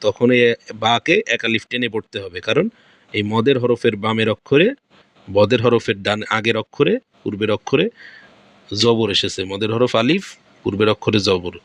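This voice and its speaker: A man's voice: fairly low pitch, normal speed, fairly bright tone, no room sound. A man with a Bangladeshi Bengali accent teaching Quran recitation pronunciation step by step. He repeats each point and asks questions that he then answers himself.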